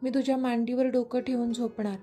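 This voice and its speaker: Pouting young wife, coaxing, high and mellow , read by a woman narrator in a storybook. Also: flat delivery, brisk, close to an everyday voice. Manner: coaxing, mock-cross.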